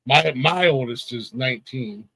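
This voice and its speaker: In this casual chat, a forties-aged music podcast host stammers and laughs as he rambles on. He speaks unhurriedly in a mid-range voice that's a bit bright, with vocal fry, and the recording is dry.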